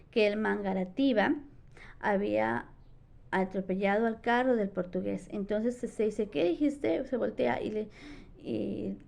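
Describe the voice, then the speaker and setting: A woman's voice: mid-range voice, gravelly, mellow. A young woman, a student retelling a novel's plot in a book summary with frequent restarts. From Peru. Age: young adult. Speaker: education student.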